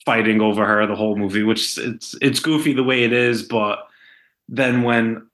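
A man's voice: on the low side, a bit bright. A man co-hosting a podcast, talking casually about a film in a hesitant way, full of fillers. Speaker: podcast co-host.

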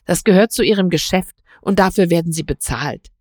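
A woman's voice: fairly low pitch, fairly quick, darkish tone, no echo, studio quality, lightly acted. A woman reading aloud voices a grumpy, touchy middle-aged male musician who sulks and flares up when needled. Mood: grumbling.

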